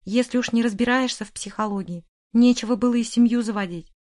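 A woman's voice: a little high, fast talker, darkish tone, close to an everyday voice. A woman doing a defiant, cornered mistress. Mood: smug. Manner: nervous, then defiant and mocking.

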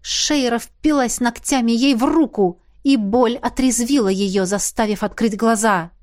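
A woman reading an audiobook in a steady, tense storytelling manner. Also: on the high side, measured pace. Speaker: audiobook narrator. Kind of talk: scripted narration.

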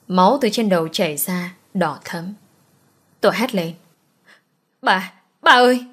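A woman narrating a first-person romance audiobook with an emotional, dramatic reading. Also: lowish voice.

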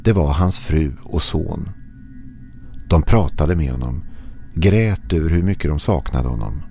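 A man narrating a horror story in a slow, somber, scripted style. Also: very deep voice, lively intonation, creaky, mellow, slight background noise.

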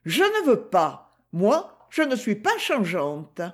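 A woman reading a story aloud and voicing a fifteen-year-old girl, speaking softly and plaintively with some hesitation. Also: medium pitch, huge pitch swings, slow, full character voice. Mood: earnest.

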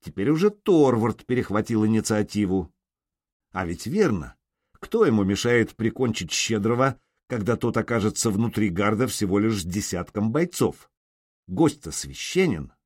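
A man's voice: lowish voice, moderate pace, no room sound, studio quality. A man narrating an adventure audiobook, reading expressively. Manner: expressive reading with shifting character voices. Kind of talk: scripted narration.

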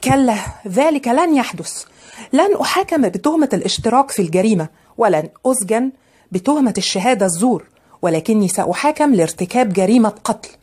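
A woman voicing a proud, wounded wife who speaks slowly and presses on each word. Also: sits high, lively intonation, a little mellow, pitched above the performer's own voice.

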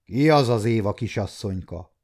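Bossy sneering noble guy, raised pitch, pushy loud, man doing the voice. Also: lively intonation. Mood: domineering. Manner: commanding, sneering. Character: scheming nobleman, domineering and mocking.

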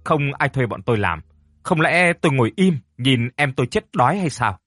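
A man's voice: medium pitch, big pitch swings, normal speed, fairly bright tone, dry recording, clean studio sound. A man voicing a defiant poor village boy, the older brother, speaking bluntly in a storybook reading. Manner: blunt, indignant.

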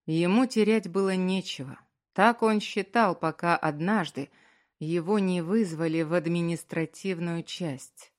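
A woman reads a dramatic novel aloud, her voice sitting slightly low and leaning expressively into each scene. It is scripted storytelling narration. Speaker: audiobook narrator.

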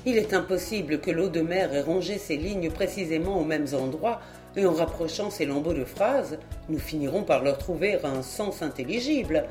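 A woman's voice: low-pitched, expressive, normal speed, mellow, soft background music. A woman reading the part of a young, respectful ship captain patiently explaining a puzzle in an audiobook.

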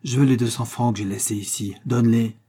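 A man's voice: mid-range voice, steady tone, a little fast, dark tone, close to an everyday voice. A man playing a cold, menacing husband who speaks in a curt, hollow, jerky way.

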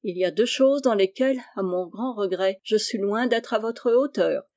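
A woman voicing a kindly, playful doctor uncle who was once a sailor, speaking with gentle, mock-solemn teasing. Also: medium pitch, normal speed, natural voice.

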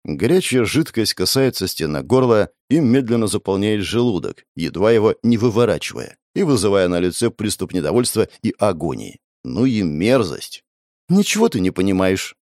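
A man's voice: on the low side, sing-song, normal speed, hardly any pauses, a little mellow, dry recording. Dry, grumbling male audiobook narrator. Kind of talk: first-person audiobook narration.

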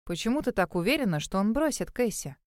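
A woman voicing a calm, curious young woman who asks pointed questions. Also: medium pitch, quick pace, no echo, clean studio sound, lightly acted. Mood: inquisitive.

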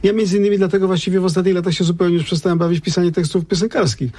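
A man's voice: high-pitched, fairly even intonation, rapid-fire, warm tone, dry recording. A man, a lyricist and translator, talking thoughtfully on a radio show, often restarting his sentences. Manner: thoughtful, digressive, many restarts. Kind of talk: radio conversation.

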